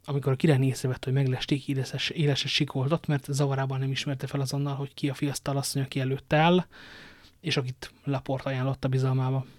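A man narrating an audiobook in a measured storytelling manner. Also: mid-range voice, level tone, dry recording. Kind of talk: audiobook reading.

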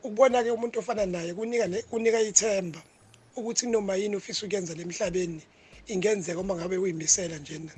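A man's voice: high voice, steady tone, racing, darkish tone, slightly rough. A South African man with a Zulu accent, leaving a congratulatory voice note for a radio show. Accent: South African Zulu-language.

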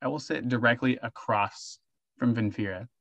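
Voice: mid-range voice, normal speed, a bit bright, no echo, muffled recording. A tabletop game player chatting casually and describing their character's actions.

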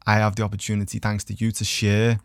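Male guest, average pitch, earnest casual explainer, very dry studio sound. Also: completely flat delivery, fast, no echo. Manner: earnest explainer, often checks "you know what I mean". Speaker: podcast guest. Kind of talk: casual, philosophical chat. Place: podcast studio.

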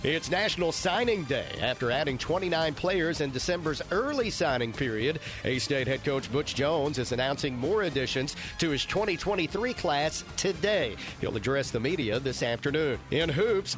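Male sports update announcer, scripted radio read, fairly high voice over music. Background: music bed.

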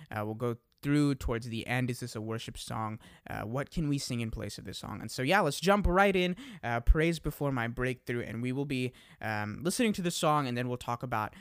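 A man's voice: medium pitch, lively intonation, moderate pace, few pauses, clear, resonant tone, no echo, studio quality. A young adult man hosting a casual podcast. He talks in an easygoing way, laughs at himself and uses lots of fillers. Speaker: podcast host. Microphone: desk microphone.

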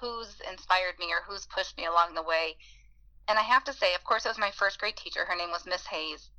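A woman's voice: fairly low pitch, fairly quick, sharp tone, poor audio. A woman in her forties, a beginning teacher, earnestly telling personal stories in an interview and acting out the voices she remembers. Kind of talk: heartfelt personal storytelling.

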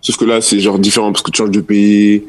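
A teenage basketball player, talking casually in an interview, laid-back and slangy with many fillers. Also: male voice, lowish voice, little pitch movement, brisk. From France. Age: teens. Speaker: young basketball player guest.

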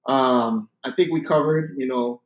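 A man's voice: medium pitch, unhurried. A young man, chatting casually as a podcast co-host. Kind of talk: casual chat. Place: basement, indoors. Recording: echoey basement room.

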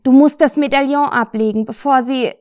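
A woman's voice: high-pitched, steady tone, moderate pace, a little mellow, pitched above the performer's own voice, close to an everyday voice. A woman doing a scornful male spirit voice. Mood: reproachful. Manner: reproachful, mocking.

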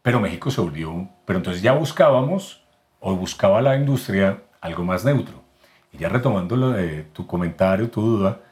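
A man with a paisa accent from Medellín speaks as a podcast guest, explaining things at length in a somewhat low voice. He often restarts his sentences and repeats words while he searches for the right phrasing. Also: darkish tone. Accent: Colombian paisa (Medellín). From Medellín, Colombia. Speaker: guest voice actor and announcer. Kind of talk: casual podcast interview.

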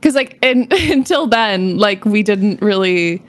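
A woman's voice: medium pitch, expressive, slow pace. A woman from New England, a guest in a casual interview, talking in a chatty, rambling way full of "like".

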